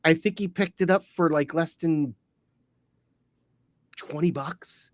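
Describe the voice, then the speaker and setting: A middle-aged man from Philadelphia co-hosts a casual podcast chat, rambling through stories with quick asides. His voice is a little high, and the recording is dry.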